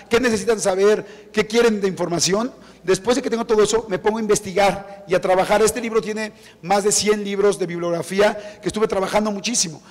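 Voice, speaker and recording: A middle-aged man, an author telling animated stories at his book presentation and acting out the people he quotes. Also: high-pitched. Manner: animated storyteller who acts out quoted people. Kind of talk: anecdotal talk at a book presentation. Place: event hall before an audience. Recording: echoey hall reverb.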